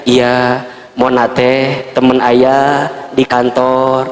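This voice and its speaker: A man with a Sundanese accent playing a sheepish husband, dropping his voice low. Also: monotone, extremely slow. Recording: echoey hall reverb.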